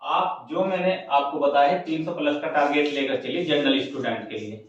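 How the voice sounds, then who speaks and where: An exam coaching YouTuber gives students informal, instructive guidance, repeating points for emphasis. His fairly high voice is steady and normal in speed, but the recording is muffled, with a distant mic in a very echoey room.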